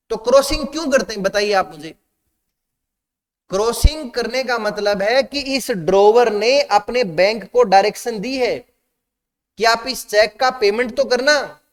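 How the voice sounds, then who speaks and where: High-voiced man teaching. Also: in a large hall. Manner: questions the class, mixes Hindi and English. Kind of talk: classroom lecture.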